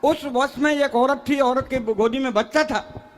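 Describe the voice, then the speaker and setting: A man's voice: extremely high pitch, a little slow. A man performing as a comic poet on stage, telling rustic jokes in a chatty way and often calling the crowd sir. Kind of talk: stage comedy storytelling.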